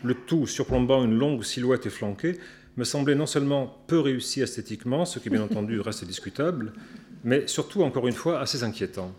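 A man, a writer, reading a prepared literary talk aloud at an event, measured and reflective with a light ironic touch. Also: medium pitch, darkish tone.

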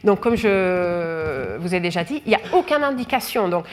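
A woman's voice: fairly low pitch, animated, moderate pace. A woman giving a lecture, explaining carefully with frequent fillers and restarts. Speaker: researcher lecturing.

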